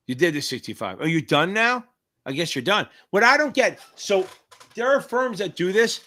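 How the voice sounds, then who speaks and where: A middle-aged man hosts a live question-and-answer stream, calling out viewers by name. He hypes them up with swear words and shouted cheers. His voice sits fairly high and sounds bright and forceful. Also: animated, normal speed. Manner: hyped, profane, shouty cheers. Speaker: livestream host and exam tutor. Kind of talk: live Q&A chat.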